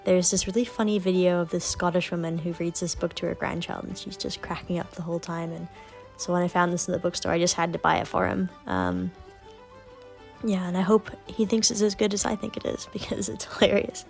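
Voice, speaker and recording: A young woman with a Bermudian accent, chatting casually as a knitting vlogger, relaxed and full of little ums. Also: lowish voice, fairly quick, creaky, faint music behind. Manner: relaxed, many ums, softly spoken at times.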